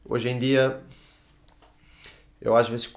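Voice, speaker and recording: This podcast guest speaks extremely slowly in a gravelly, medium-pitched voice with flat delivery. He has a European Portuguese accent and explains his views earnestly and informally in a casual chat, using slangy check-in tags.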